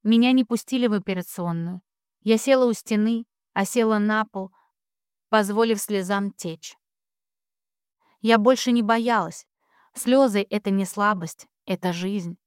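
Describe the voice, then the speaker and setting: A woman narrates a romance audiobook in the first person, her voice smooth and resonant. The recording is dry and close, with no room sound. Her telling stays steady and even. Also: medium pitch, a little slow, dry recording.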